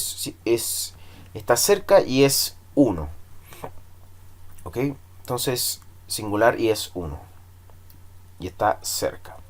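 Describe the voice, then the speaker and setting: A man teaching English in Spanish, drilling numbers slowly and patiently for students to repeat. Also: medium pitch.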